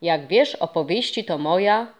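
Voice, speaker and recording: A woman's voice: on the low side, animated, moderate pace. A woman voicing a friendly old castle ghost. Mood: mysterious. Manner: mysterious, proud, warm storytelling.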